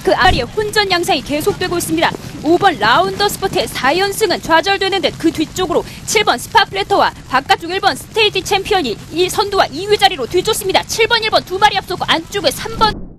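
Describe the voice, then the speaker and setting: A woman calling a horse race, listing positions and horse names in brisk play-by-play. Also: extremely high pitch, lively intonation, background noise. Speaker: race caller.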